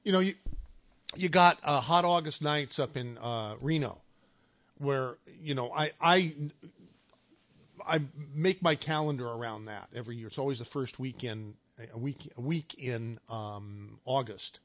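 A radio talk show host runs a call-in show in a casual, jokey, rambling way, often restarting his phrases. His voice is medium-pitched, unhurried and fairly bright, captured on a studio microphone with a dull, dry radio studio sound.

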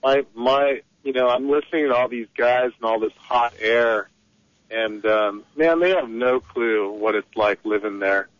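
At a measured pace and medium pitch, an Egyptian man calling a radio talk show vents his opinions in a heated, rambling way. The telephone audio is a dull lo-fi line with no room sound.

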